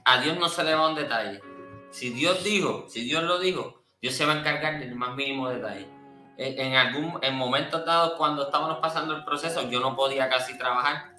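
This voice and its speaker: A man's voice: medium pitch, a little fast, bright, forceful tone, echoey room, soft background music, low-quality recording. A man sharing a personal faith testimony in a conversational, earnest way, often restarting his sentences. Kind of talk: testimony, casual speech.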